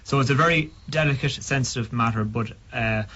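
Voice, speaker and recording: A man's voice: mid-range voice, fairly quick, pushed and bright. A man with a west of Ireland accent, speaking informally and a little hesitantly as a club member in a radio interview. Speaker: sub aqua club member being interviewed. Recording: dull, noisy radio interview recording.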